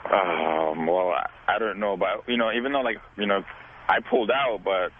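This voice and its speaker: A man's voice: low-pitched, moderate pace, a little hiss or hum. A man, calling into a radio show, hesitant and full of fillers. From Syria. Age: 20s. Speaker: caller. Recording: tinny phone line.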